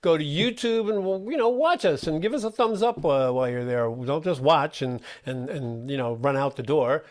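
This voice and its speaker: A man's voice: fairly high pitch, lively intonation, normal speed, hardly any pauses. Rambling man hosting a podcast. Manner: rambling, filler-heavy sign-off. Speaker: podcast co-host. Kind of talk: casual comedy podcast chat.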